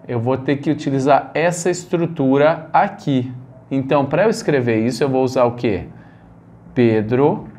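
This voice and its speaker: A man's voice: medium pitch, a little mellow. A man from Brazil teaching an English grammar lesson, explaining step by step and asking rhetorical questions.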